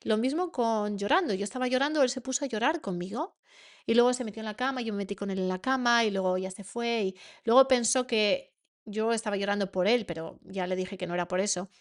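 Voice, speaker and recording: A woman's voice: fairly high pitch, a little fast. A woman with a Spain Spanish accent, teaching a masterclass to parents as a coach, earnest and repeating words for emphasis.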